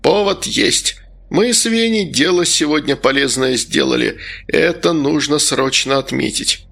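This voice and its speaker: A man's voice: on the high side, very animated, measured pace, gravelly, a bit bright, heavily acted. Medovar, a man doing a brash jovial drinker. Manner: brash, festive. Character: boisterous hard-drinking man, crude and jovial.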